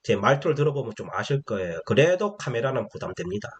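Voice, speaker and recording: A man's voice: medium pitch, sing-song, fast talker, muffled recording, a little hiss or hum. A man teaching a classical text to a camera, asking his listeners frequent rhetorical questions as he explains. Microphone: camera-facing recording.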